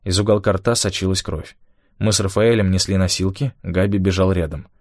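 A man narrating an audiobook in a steady, measured first-person storytelling manner. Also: deep voice, no echo, clean studio sound.

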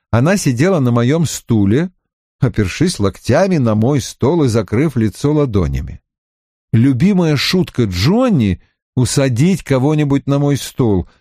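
A man's voice: mid-range voice, a little mellow, dry recording, studio quality. A man narrating an audiobook in the first person, with a wry storytelling manner.

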